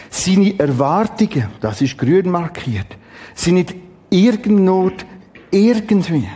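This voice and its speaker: A middle-aged man preaching a Bible teaching, dramatic and emphatic with exclamations and long pauses. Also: a little high, warm tone, husky.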